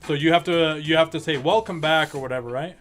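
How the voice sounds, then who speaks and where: A woman's voice: low-pitched, fast talker, soft background music. A woman co-hosting a casual comedy talk show, teasing and laughing often, putting on joke voices. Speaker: podcast co-host.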